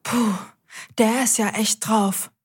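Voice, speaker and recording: A woman's voice: fairly high pitch, fairly even intonation, slow, breathy edge. A woman hosting a scripted children's audio show, cheerfully talking straight to the kids.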